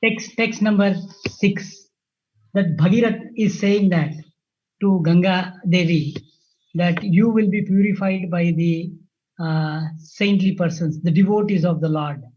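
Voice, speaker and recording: A man asking his teacher a question in class, halting and searching for words. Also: high-pitched, fairly even intonation, darkish tone, lo-fi sound.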